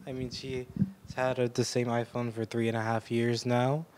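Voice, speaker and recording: A male student at a middle pitch explains an interview in a relaxed, explanatory way. Faint noise sits behind him in the classroom. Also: normal speed. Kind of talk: reporting back in class.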